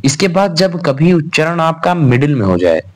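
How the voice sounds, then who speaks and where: A man's voice: a little high, sing-song, moderate pace. A young man giving an informal revision lecture on grammar. He talks in a chatty way, calls the students "bhai", and asks and answers his own questions. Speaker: Sanskrit grammar tutor.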